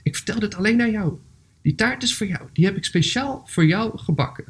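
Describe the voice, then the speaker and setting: A young adult reading aloud and voicing a small, scheming ant in a higher, eager voice. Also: animated, a little fast, husky. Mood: secretive. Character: scheming little ant, secretive and fussy.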